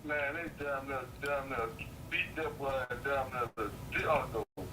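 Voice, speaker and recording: A man's voice: medium pitch, unhurried. Man on a noisy, distant landline call. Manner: slangy, profane, repetitive. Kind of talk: casual phone chat, storytelling. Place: on a landline phone. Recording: noisy muffled landline jail phone call.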